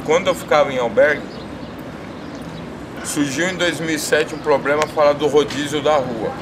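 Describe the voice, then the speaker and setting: A man's voice: on the high side, steady tone, moderate pace. A man who once lived in shelters gives a reflective documentary testimony outdoors, posing rhetorical questions. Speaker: interviewee, former shelter resident. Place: outdoors on a city street. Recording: loud street traffic behind.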